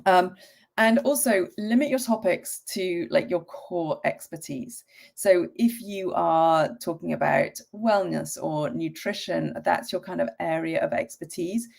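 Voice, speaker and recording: Hoarse from a cold, a woman runs a relaxed live-stream tutorial, talking chattily, often saying um and coughing now and then. Her voice is lowish, unhurried and a little mellow.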